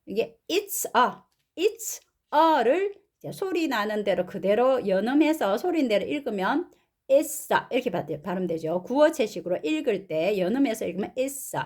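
A woman's voice: a little high, very animated, normal speed, darkish tone. A woman English teacher reading a picture book aloud and patiently explaining words and pronunciation.

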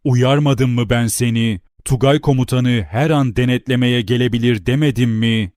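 A man narrating an audiobook voices a harsh, short-tempered lieutenant colonel who scolds in a deep, stern voice. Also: moderate pace, a little mellow, dry recording, clean studio sound, natural voice. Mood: angry scolding. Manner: barking, scolding.

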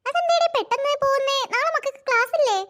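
A woman's voice: extremely high pitch, fast, fairly bright tone. Woman doing a chatty cartoon neighbour. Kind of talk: cartoon voice acting.

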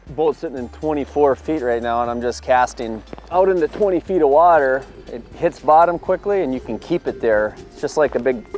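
A man in his thirties talks through his fishing gear from an open boat on a lake, upbeat and explanatory. His voice sits at an ordinary middle pitch, caught on a lapel mic outdoors. Faint music plays softly underneath. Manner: upbeat, explanatory, excited at catches. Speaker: fishing video producer. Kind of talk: on-the-water fishing demonstration.

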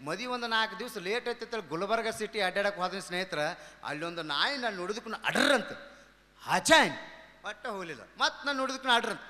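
High, bright-voiced North Karnataka comedian. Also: male voice, quick pace, big-room sound. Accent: North Karnataka Kannada. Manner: lively folksy storytelling, slipping into character voices. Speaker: stand-up comedian. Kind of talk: stand-up comedy storytelling. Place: comedy stage before an audience.

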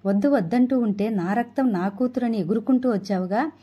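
Woman reading scornful man, sarcastic, scolding, mellow tone, fairly high. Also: brisk, slightly rough. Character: scornful man, mocking uncle.

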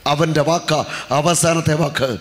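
A man's voice: fairly high pitch, level tone, normal speed. Fervent male preacher in an echoing hall. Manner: fervent, call-and-response, shifts from hushed to shouting. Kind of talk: Pentecostal healing sermon. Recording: long hall reverb.

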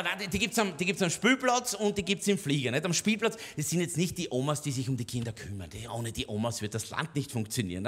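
A male cabaret comedian with an Austrian accent tells his routine in a chatty, conspiratorial way, often tossing in little tag questions to the listener. His voice sits a bit higher than most men's. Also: a bit bright. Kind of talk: stand-up cabaret monologue.

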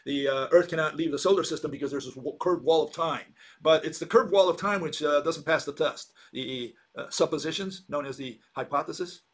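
A man's voice: fairly high pitch, a little fast, hardly any pauses. A man hosting a sardonic monologue, rambling and mocking, with many hesitations and restarts. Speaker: channel host.

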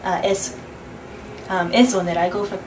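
A woman interpreting live in a small press room, talking quickly with many ums and restarts. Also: medium pitch, a little mellow. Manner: quick, hesitant, many ums while translating. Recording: distant mic, clear background noise.

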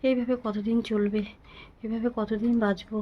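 Weary soft-spoken woman, sore throat. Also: a little high, flat delivery, moderate pace, dull audio, a little hiss or hum. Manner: weary, pleading, speaks softly. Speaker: vlogger. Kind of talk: casual vlog talk to viewers. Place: at home.

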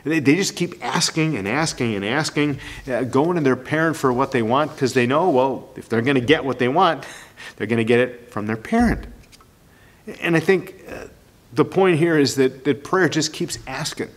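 A man's voice: medium pitch, moderate pace. A man preaching a sermon as pastor, earnest and thinking aloud, often repeating words and restarting his sentences.

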